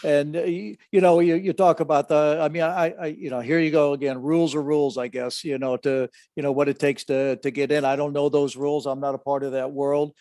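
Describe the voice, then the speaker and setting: An older man, a father co-hosting a podcast, talking in a halting way with many restarts. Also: fairly high pitch, level tone, warm tone, no room sound, clean studio sound. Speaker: podcast co-host, the other host's father. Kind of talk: casual chat.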